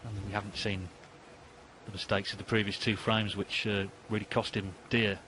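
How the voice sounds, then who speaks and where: A man's voice: fairly low pitch, level tone, normal speed, bright, forceful tone, low-quality recording. A man giving live snooker commentary and summing up the players' play. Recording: faint crowd and arena noise behind.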